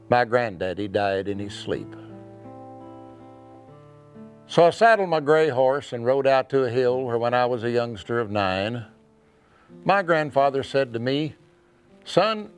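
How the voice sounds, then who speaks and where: A man with a mid-pitched voice recites cowboy poetry in rhymed, measured lines. His delivery is earnest, with dramatic phrasing and pauses. Soft acoustic guitar plays faintly behind him. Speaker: cowboy poet. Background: soft acoustic guitar music.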